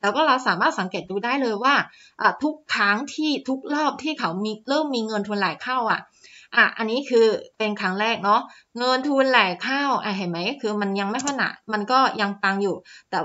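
A woman teaches over a screen recording, stepping through stock charts with lots of fillers and polite particles in a chatty style. Her voice sits a little high and sounds animated, brisk, pushed and bright, while the recording has its highs cut off.

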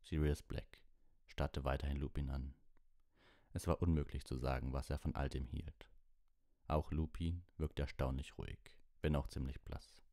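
A man reading an audiobook in a steady, measured narration. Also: extremely low pitch, no echo, studio quality. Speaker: audiobook reader.

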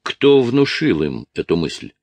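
A man's voice: deep voice, sing-song, slow pace, a little mellow, no echo, full character voice. A man voicing a resolute Russian musketeer commander who speaks firmly. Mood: measured.

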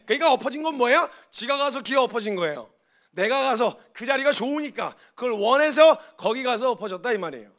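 Lively high-voiced male preacher. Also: fast talker. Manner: animated, acts out voices in dialogue. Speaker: missionary preacher. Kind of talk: sermon.

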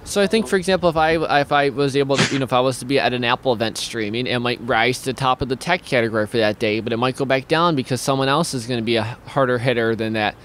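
A young man hosts a loose, casual chat in a small home studio, talking into a studio mic with headphones on. He rambles, restarts his sentences and fills the gaps with ums. His voice sits at a middle pitch, with a faint hiss of noise behind it. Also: fast talker, hardly any pauses, fairly bright tone. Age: young adult. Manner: rambling, many restarts and fillers, reads viewer comments aloud. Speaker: host of a streaming talk show. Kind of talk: casual video-call chat.

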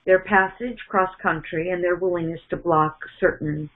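A middle-aged woman delivers a channeled spiritual message in a halting, measured way, often restarting and repeating words, recorded at home on a wired earphone mic. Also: on the low side, fairly even intonation. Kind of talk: channeled message in first person plural. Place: small indoor room at home. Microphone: wired earphone mic on a webcam call. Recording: phone-like narrow sound.

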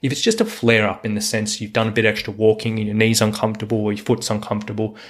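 With a fairly low voice and a quick pace, this man hosts his own coaching podcast as a hiking coach. His delivery is reassuring and earnest, and he repeats words to stress his points.

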